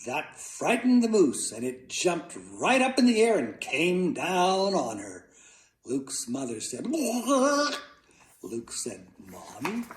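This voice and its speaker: A man reading a children's storybook aloud, slow and dramatic, with playful sound effects. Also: medium pitch, roomy sound.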